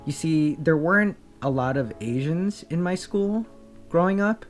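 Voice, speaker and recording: A man's voice: a little high, expressive, unhurried. Young guy talking through a painful memory, candid, faint music underneath. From Philippines. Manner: candid, reflective, many fillers and restarts. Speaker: vlogger. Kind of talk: personal storytelling to camera.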